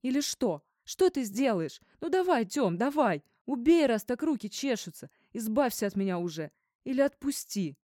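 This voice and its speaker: A woman's voice: fairly high pitch, a little fast, hardly any pauses, warm tone, no room sound, clean studio sound, pitched above the performer's own voice, natural voice. A woman voicing a frightened young woman who pleads in a trembling voice in an audiobook. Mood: defiant.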